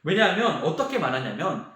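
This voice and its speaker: A male youth pastor preaching a sermon to teenagers, telling the story with animated energy and acting out the voices of the crowd and the beggar. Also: on the high side, a little fast. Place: large church sanctuary. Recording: very echoey church hall.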